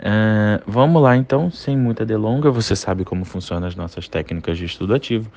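A man with a Brazilian Portuguese accent teaches English phrases, saying each one slowly and repeating it before explaining it. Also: on the low side, gravelly, darkish tone, muffled recording. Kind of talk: online language lesson.

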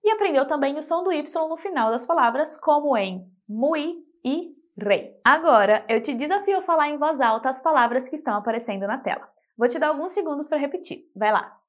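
High, lively woman teaching pronunciation. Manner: clear, slow model pronunciations of example words. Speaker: Spanish teacher. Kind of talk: scripted language lesson.

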